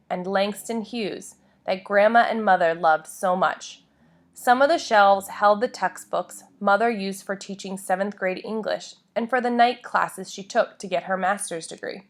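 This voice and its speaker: Casting: female narrator for memoir read-aloud, mid-pitched voice, deliberate phrasing, short measured groups. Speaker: audiobook-style reader of a memoir.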